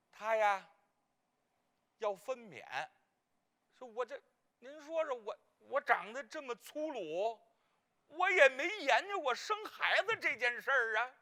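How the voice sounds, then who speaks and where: High and sharp, this heavily acted voice belongs to a performer playing a comedic married gossip in a Peking opera clown role. With a Beijing accent, she meanders and blunders along, mangling names.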